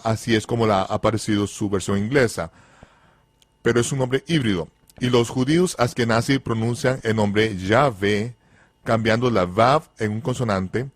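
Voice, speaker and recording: A man giving a religious lesson, slowly spelling out letters and repeating pronunciations with deliberate care. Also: medium pitch, dry recording. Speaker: religious teacher.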